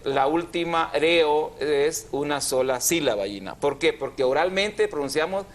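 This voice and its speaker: A man's voice: on the high side, expressive, unhurried. A man hosting a TV language program, explaining grammar patiently and drawing out syllables. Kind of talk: didactic TV chat.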